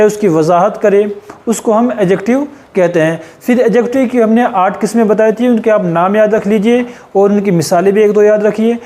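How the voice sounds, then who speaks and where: A man teaching English grammar in a patient, explanatory way, repeating and rephrasing points and slowing down to spell out English example sentences. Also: high-pitched, dark tone. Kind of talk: explanatory lesson.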